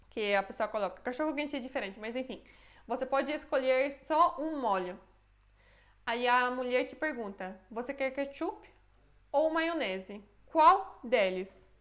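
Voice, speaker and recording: Higher-voiced woman teaching a language lesson. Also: fairly bright tone. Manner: patient, repeats examples and checks understanding with "tá?" and "né?". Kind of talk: explaining a grammar lesson to camera.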